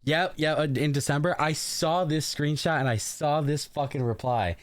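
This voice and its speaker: A man's voice: on the high side, moderate pace. A man streaming his reaction to a video, talking casually in a profane, emphatic, rambling way. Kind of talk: casual live reaction commentary.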